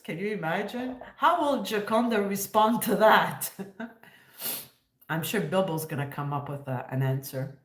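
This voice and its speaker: A woman's voice: mid-range voice, roomy sound. A woman in her fifties hosting a casual livestream, joking and sarcastic, laughing often. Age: 50s. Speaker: livestream host.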